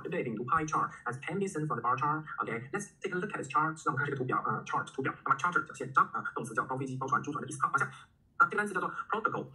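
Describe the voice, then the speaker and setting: A man teaching English vocabulary in a recorded lecture, animated and joking, spelling words out letter by letter. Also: mid-range voice, rough recording.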